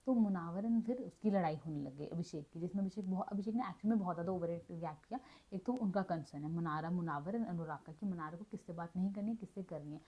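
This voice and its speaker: A woman's voice: on the low side, fast talker, husky. Woman chattily recapping, dull lo-fi sound. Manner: mixes Hindi and English, chatty with frequent self-corrections. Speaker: reality show recap vlogger. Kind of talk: casual episode recap. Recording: dull lo-fi audio.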